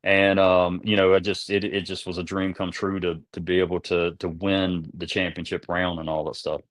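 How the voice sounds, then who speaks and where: A man's voice: low voice, little pitch movement, moderate pace, dry recording. A man telling rambling fishing stories in a folksy way, repeating words as he goes, in a casual interview. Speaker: guest, tournament kayak angler.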